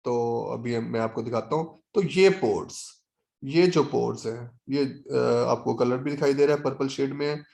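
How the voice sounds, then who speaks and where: Male zoology lecturer with a Pakistani accent, mid-pitched and unhurried, reads English lines slowly and then explains them. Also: vocal fry, darkish tone. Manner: asks and answers his own questions. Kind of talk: classroom lecture.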